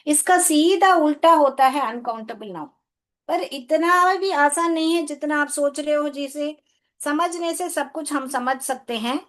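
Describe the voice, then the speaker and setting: Woman, teacher from India, live online lesson, high voice, coaxing, asks lots of questions. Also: unhurried, fairly bright tone. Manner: coaxing, calls students "beta", asks questions. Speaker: English teacher. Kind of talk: live online class explained in Hindi.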